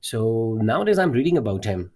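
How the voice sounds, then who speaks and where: A middle-aged man, a math teacher whose first language is Urdu, tells a personal story as an interview guest in a lowish, slightly mellow voice. He's very animated and a little fast, earnest and encouraging, often repeating words as he searches for them.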